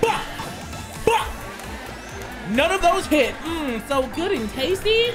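A man streaming a kart racing game from his dark bedroom, reacting loudly and swearing as he plays. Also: very high voice, takes it slowly. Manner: excitable, profane running reactions. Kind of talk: live gaming commentary with friends. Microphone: desk microphone. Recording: game music behind.

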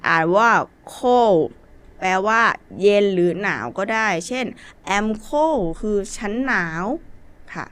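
Thai-accented woman teacher, unhurried, patient basic English lesson. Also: mid-range voice, expressive, a bit bright, clean tone. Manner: slow, patient spelling out of words letter by letter.

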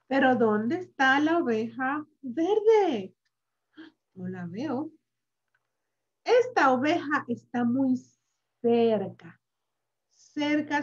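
A high-voiced woman reads a picture book to small children, drawing her words out slowly in a sing-song, animated way. She adds playful sound effects and asks the listener questions. The recording sounds dull and lo-fi. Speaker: children's story reader.

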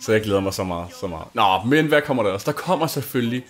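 A man's voice: mid-range voice, expressive. A young man from Denmark hosting a gaming channel, chatting casually over gameplay in a rambling, gushing way full of fillers and restarts.

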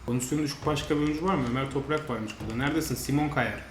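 A man giving frustrated, grumbling commentary over a football video game, now and then yelling at his players. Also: medium pitch, racing. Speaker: gaming channel host. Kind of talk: live commentary over gameplay. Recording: roomy sound with faint noise.

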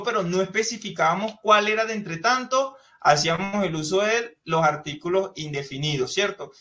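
A man's voice: sits high, sharp tone. A man teaching a live online English class in Spanish, explaining step by step and often checking in with questions.

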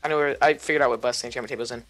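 Man rattling off rapid game callouts. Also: medium pitch, fairly even intonation, music in the background. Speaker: gaming partner. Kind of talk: casual gameplay chat.

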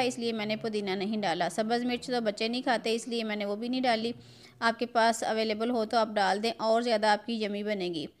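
A middle-aged woman, walking viewers through a recipe step by step in her home kitchen. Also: fairly high pitch. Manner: homely, step-by-step instructions addressed to viewers. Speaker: cooking channel host. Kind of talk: home cooking tutorial narration.

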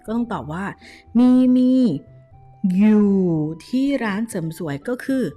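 A young woman with a Thai accent teaching a casual Korean lesson, lively and coaxing, drilling each word syllable by syllable. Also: medium pitch, fast, faint music behind.

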